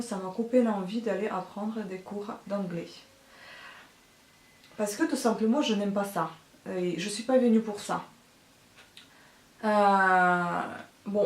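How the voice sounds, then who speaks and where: A woman's voice: medium pitch, recorded from a distance. A woman vlogger talking in a casual, hesitant monologue, full of filler sounds and frustrated complaints. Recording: roomy sound, voice from the mic.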